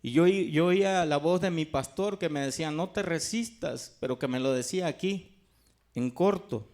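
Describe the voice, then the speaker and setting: A middle-aged man, earnestly giving a personal church testimony with fervent pauses and restarts. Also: a little high, a little mellow.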